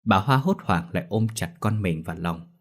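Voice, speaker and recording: Male narrator, scripted horror story, low husky voice, lively intonation. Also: normal speed.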